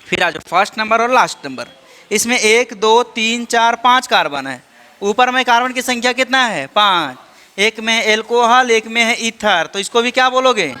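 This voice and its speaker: A man's voice: very high voice, lively intonation, normal speed, sharp tone, clear, resonant tone. A man teaching organic chemistry to a class, drilling students with repeated check-in questions and teasing them playfully. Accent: Indian. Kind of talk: classroom lecture.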